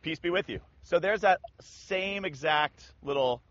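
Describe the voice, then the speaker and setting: Animated high-voiced man retelling scripture. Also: a little slow, no room sound. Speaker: Bible teacher. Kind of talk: casual Bible discussion. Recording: dull lo-fi sound.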